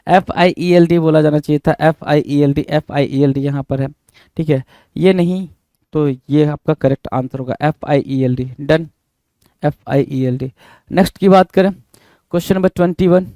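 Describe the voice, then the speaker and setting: A man's voice: fairly high pitch, darkish tone, clean tone, no echo, studio quality. A man teaching a spelling lesson, spelling words letter by letter and asking rhetorical questions as he repeats them.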